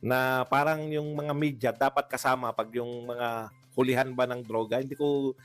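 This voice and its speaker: A Filipino man in a casual political reaction chat, speaking at an ordinary middle pitch with faint music underneath. He talks in a loose, chatty way, breaks into laughter often and slips into mocking impressions. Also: steady tone, normal speed. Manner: chatty, laughs often, mocks with put-on quotes. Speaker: political commentary co-host.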